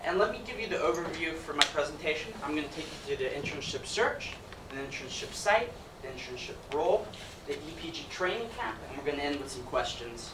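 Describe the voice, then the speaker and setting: A young Ecuadorian man gives an upbeat, joking student presentation before an audience in an event hall. His voice is slightly high, animated and fairly fast. The recording is roomy, noisy and captured from a distant mic.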